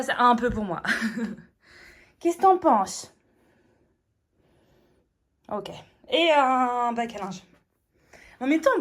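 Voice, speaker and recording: A woman's voice: fairly high pitch, a bit bright. Young woman vlogger, self-mocking chatter, clip-on mic, windy outdoor noise. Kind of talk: casual vlog chat. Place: outdoors on a farm and at home. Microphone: wireless clip-on mic.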